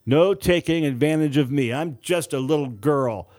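A man's voice: fairly high pitch, normal speed, darkish tone, lightly acted. A man voicing a tipsy young woman nurse. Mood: teasing.

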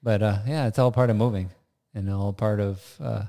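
Casting: American male podcast co-host, mellow and fairly low, loose unscripted chat. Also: fairly even intonation, moderate pace, vocal fry. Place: indoors in an unfurnished house.

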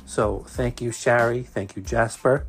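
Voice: medium pitch, fairly even intonation, unhurried, soft background music. A podcast host with a Brooklyn accent, talking conversationally and earnestly, repeating phrases for emphasis.

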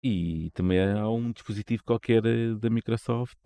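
A man's voice: fairly low pitch, normal speed, warm tone, clean tone, no room sound. A man with a European Portuguese accent chatting casually as a podcast co-host, in a rambling, slangy way that often restarts sentences. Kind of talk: casual chat about the games industry.

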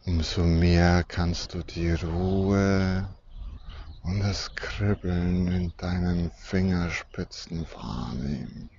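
A man guiding a deep relaxation and sleep journey in a soft, soothing, hypnotic manner with long pauses. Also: fairly even intonation, vocal fry. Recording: dull muffled recording with background noise.

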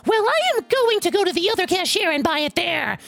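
A woman's voice: very high-pitched, sing-song, brisk, vocal fry, fairly bright tone, dry recording, pitched above the performer's own voice, full character voice. A woman voicing an indignant, entitled middle-aged mother who screeches at a store clerk. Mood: furious.

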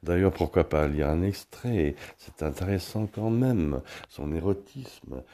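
Very deep, gravelly French-accented man. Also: animated, measured pace, warm tone. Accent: French from France. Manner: wandering, musing, self-mocking. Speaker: vlogger. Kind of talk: rambling room-tour monologue. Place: small bedroom apartment.

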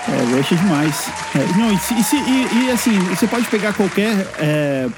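A Brazilian man in his thirties, a guest musician telling stories in a lively, filler-heavy casual chat. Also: sits high, moderate pace, a crowd in the background, noisy background. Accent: Brazilian Portuguese. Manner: animated storyteller, many fillers.

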